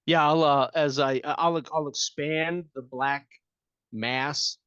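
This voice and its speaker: A man's voice: fairly high pitch, steady tone, slow, a bit bright, clear, resonant tone, no room sound, lo-fi sound. A man playing a tabletop game, casually chatting and describing what his character does.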